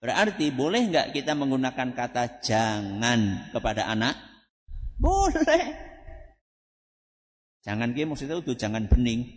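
A man giving a religious lecture as a preacher. He asks the audience questions and answers them himself, and he recites Arabic phrases slowly before explaining them. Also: medium pitch, sing-song, in a large hall.

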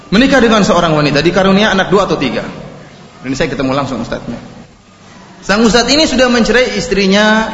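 A man preaching an Islamic lecture in an animated way, joking and acting out the people in his examples. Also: high voice. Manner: animated, jokes and laughs, acts out quotes. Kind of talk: religious lecture. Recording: echoey hall, dull lo-fi, faint noise.

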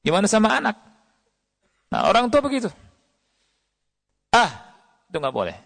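Male preacher, fairly high gravelly voice, quizzes his audience. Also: huge pitch swings, normal speed, a bit bright. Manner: quotes Arabic verses and asks the audience questions. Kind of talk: sermon. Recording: long hall reverb.

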